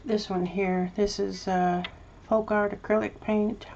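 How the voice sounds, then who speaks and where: Her mouth full of candy, a woman chats about a paper craft project in a casual show-and-tell, drifting between thoughts, hesitating and restarting her sentences. Her mid-range voice is gravelly, fairly flat and a little slow, on a somewhat dull recording with faint hiss.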